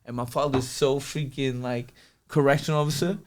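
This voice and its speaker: A podcast guest from Brooklyn, New York, this man has a mid-range voice and speaks at normal speed. He tells casual stories with animation, acting out the voices of the people in them, including his father.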